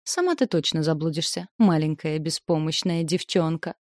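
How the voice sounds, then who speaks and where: A woman's voice: deep voice, moderate pace, no echo, clean studio sound, natural voice. A woman reading the lines of a cocky, self-satisfied young male student who drawls out his teasing. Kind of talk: audiobook character voice.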